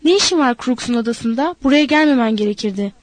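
A woman voicing an irritable male ranch worker who scolds and calls out loudly. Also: fairly high pitch, animated, fast, slight background noise, natural voice. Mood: scolding. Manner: gruff and scolding.

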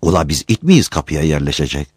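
A man voicing a poor, quick-tempered young villager who answers back scornfully. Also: rumbling low, very animated, a little mellow, breathy edge, dry recording, studio quality, full character voice. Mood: defiant. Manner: brash, scornful.

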